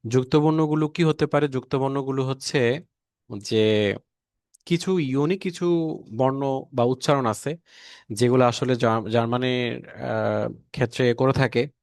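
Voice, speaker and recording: Bangladeshi man, mid-pitched, slow and drilled delivery, dry close sound; patient online language teacher. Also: darkish tone, no room sound. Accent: Bangladeshi Bengali. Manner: slow, repeats each word several times with many fillers.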